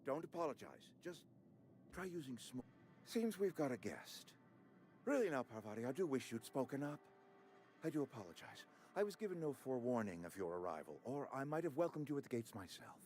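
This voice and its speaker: Man acting slimy, pompous company administrator, animated. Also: mid-range voice, fairly quick, a little hiss or hum, lightly acted. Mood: reproachful, mannered. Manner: formal, unctuous, pompous. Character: officious, smarmy male company town administrator. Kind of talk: video game character acting.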